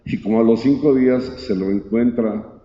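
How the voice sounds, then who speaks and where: A man telling a lively, colloquial anecdote and acting out the characters. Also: mid-range voice, normal speed, slight background noise. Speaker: storyteller. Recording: dull echoey hall recording.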